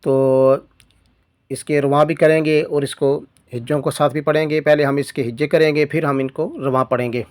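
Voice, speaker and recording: A man teaching Quran reading, patiently explaining rules and spelling out letters slowly. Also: fairly high pitch, level tone, no echo. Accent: Pakistani Urdu. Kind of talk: spelling-out lesson, slow drawn-out recitation of letters.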